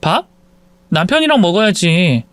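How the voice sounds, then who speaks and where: A coy young woman speaks in a high, lilting voice, as a male narrator puts her on. The sound is close and dry. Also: very animated, a little slow, a bit bright, smooth, no room sound, exaggerated voice. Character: young woman, cheating daughter-in-law.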